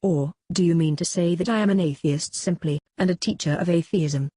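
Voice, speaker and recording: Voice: mid-range voice, mellow, no echo, clean studio sound, close to an everyday voice. A reader voicing an aged philosopher cross-examining. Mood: probing. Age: older. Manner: questioning, measured cross-examining delivery. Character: aged male philosopher on trial, probing, ironic. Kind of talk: dramatic reading of a classical dialogue.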